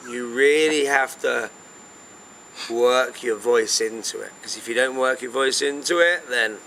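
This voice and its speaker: A man's voice: medium pitch, unhurried, pushed and bright, slight background noise, low-quality recording. A man speaking as a cruise director, giving upbeat, enthusiastic answers in a casual interview.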